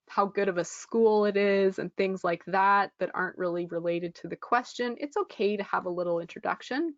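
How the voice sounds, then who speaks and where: A woman's voice: lowish voice, no echo, lo-fi sound. A woman teaching a live online test-prep lesson, explaining scores in a friendly way with frequent ums.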